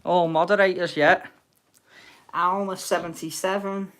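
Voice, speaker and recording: A woman's voice: fairly low pitch, steady tone, measured pace, fairly bright tone. A British woman hosting an online game in casual chat, with cheeky, informal banter as she calls out players and numbers. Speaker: host of an online bingo game.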